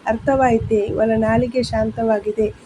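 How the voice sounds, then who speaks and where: A woman voicing a harsh, accusing middle-aged stepmother in a storybook reading, with a sharp manner. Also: fairly high pitch, little pitch movement, measured pace, natural voice. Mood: scolding. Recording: dull lo-fi with faint hiss.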